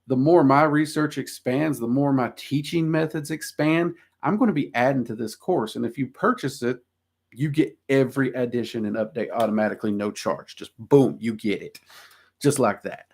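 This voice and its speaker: With a medium-pitched, somewhat dark voice and a Southern US accent, a man runs a laid-back livestream. He answers viewer questions in a meandering, self-mocking style, saying um a lot.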